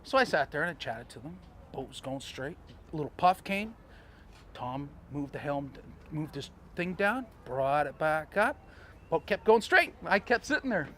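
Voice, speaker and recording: A man coaching sailors on sail trim, talking in an animated, storytelling way with chuckling asides. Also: fairly high pitch, moderate pace, slight background noise. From Canada. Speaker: sailing coach. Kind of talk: outdoor teaching talk.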